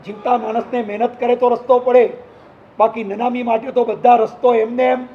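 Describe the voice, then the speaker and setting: Monk preacher, male, high voice, emphatic, acts out stories; muffled lo-fi recording. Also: level tone, moderate pace. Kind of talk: sermon with storytelling.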